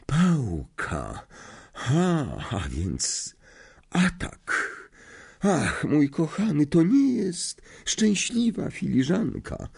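A man's voice: sing-song, gravelly, darkish tone, slightly rough, exaggerated voice. A man voicing a dreamy, theatrical older female seer teacher in an audiobook, in a misty, quavering voice that drags out words melodramatically. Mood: ominous. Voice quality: misty, quavering, swooping high voice. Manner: slow, melodramatic, drawn-out words. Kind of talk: audiobook character voice.

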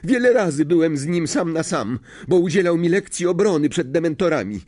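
A man voicing a defiant teenage boy wizard who shouts back at a teacher in an audiobook. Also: a little high, expressive, a little fast, no echo, voice pushed up.

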